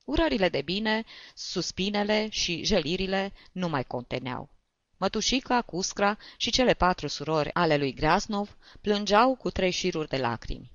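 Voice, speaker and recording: A volunteer reader narrates a story with expressive delivery. The pitch moves in a lively way. The recording sounds dull and very dry. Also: dry recording. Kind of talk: audiobook narration.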